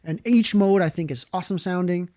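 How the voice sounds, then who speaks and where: A man's voice: high-pitched, fairly quick, mellow, dry recording, studio quality. A man with a Canadian accent, co-hosting a casual livestream chat, upbeat and enthusiastic as he talks about effects pedals. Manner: upbeat, enthusiastic, laughs often. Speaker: co-host, pedal maker.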